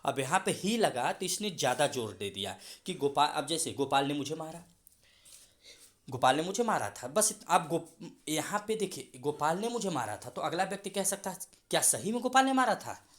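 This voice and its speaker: A male school teacher giving a grammar lesson, explaining slowly, repeating example words and calling the students "beta". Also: on the high side, animated, fairly bright tone.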